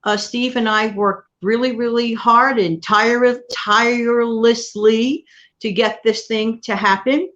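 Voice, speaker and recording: A woman's voice: a little high, fairly even intonation, slow pace, muffled recording. Chatty New York woman hosting a livestream. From New York City. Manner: chatty, warm thanks to viewers and co-host. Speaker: channel host. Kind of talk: casual livestream chat.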